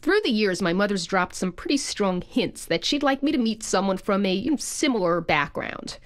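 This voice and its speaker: Woman, comic storyteller, expressive pitch, personal narration, no room echo. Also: normal speed.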